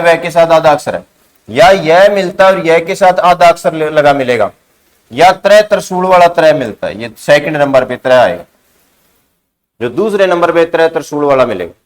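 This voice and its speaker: A male teacher giving a grammar lesson, who asks the class questions, answers them himself and repeats key words. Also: a little high.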